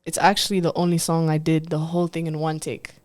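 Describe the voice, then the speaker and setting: A young Kenyan woman, a singer, chats casually as an interview guest in a low-pitched, fast voice. She's relaxed, laughs often between her words, and fills her speech with "like" and "um".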